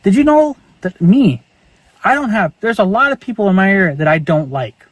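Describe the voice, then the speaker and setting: High-voiced man ranting angrily. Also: lively intonation, normal speed, no room sound, rough recording. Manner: angry, profane, repetitive ranting. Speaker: vlogger. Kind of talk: ranting monologue to camera.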